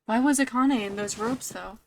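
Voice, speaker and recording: A woman's voice: on the high side, normal speed, slight background noise. A woman hosting a let's play, chatting casually about the game and reading its narration aloud.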